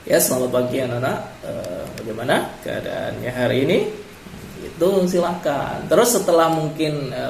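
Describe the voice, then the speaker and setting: A man's voice: medium pitch, creaky, roomy sound, distant mic, slight background noise. A man giving a lecture to teachers, addressing them directly and checking in with a frequent "ya". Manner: talks straight to listeners with frequent "ya" check-ins. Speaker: teacher trainer.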